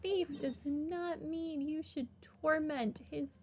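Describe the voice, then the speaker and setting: Speaking slowly in a high-pitched voice, a woman serves as gaming host for a casual playthrough. She rambles, reads dialogue aloud, and keeps her remarks dryly sardonic.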